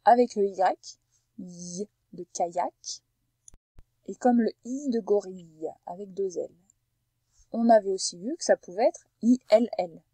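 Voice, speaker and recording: A woman teacher with a mellow, slightly husky voice walks a young pupil through a phonics lesson. She talks patiently and slows right down to over-articulate each sound. The recording is close and dry. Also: medium pitch, dry recording, low-quality recording. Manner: slow, careful over-articulation of sounds for a child.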